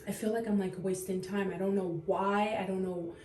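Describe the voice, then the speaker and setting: A woman in her thirties talks straight to camera in an unscripted confession, trying not to cry, halting and sighing often. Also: mid-range voice, steady tone, a little mellow, reverberant, a little hiss or hum. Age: 30s. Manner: tearful, halting, full of fillers and sighs. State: on the verge of tears. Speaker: vlogger.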